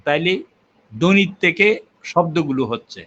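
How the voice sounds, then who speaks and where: An older man with a slightly high voice lectures patiently, building his point with examples and pausing on fillers. The recording is muffled and lo-fi, like an old interview tape. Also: lively intonation, a bit bright, a little hiss or hum. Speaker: linguistics professor. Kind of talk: explanatory academic interview.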